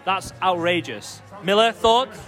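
Man, high voice, teasing host, faint music and crowd outdoors. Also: expressive, slow pace, fairly bright tone. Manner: teasing, hosts the questions. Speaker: quiz host. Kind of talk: casual group banter.

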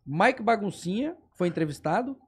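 A man with a high, very lively voice swings wide in pitch as he jokes. His banter is crude and chaotic. He breaks into sudden loud outbursts. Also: normal speed, husky. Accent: Brazilian Portuguese. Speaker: podcast guest.

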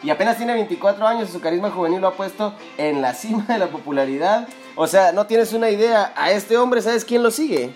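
Mexican guy joking around, high voice, mock-formal, faint music under it. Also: fairly quick, few pauses. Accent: Mexican Spanish. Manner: playful, mock-formal, laughs often. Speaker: co-host. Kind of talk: casual comedic chat.

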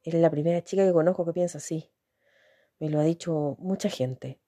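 Female reader as a quiet puzzled young man, mellow low tone, brief questions, storybook reading. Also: fairly quick.

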